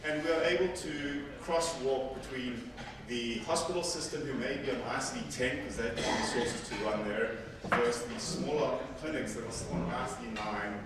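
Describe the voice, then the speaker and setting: A man with Afrikaans as his first language gives a conversational technical conference talk, frequently repeating words as he fixes his phrasing. His mid-range voice moves at a moderate pace with few pauses. He holds a handheld mic in a large hall with a seated audience, filmed from far back, so the audio is echoey, distant and noisy.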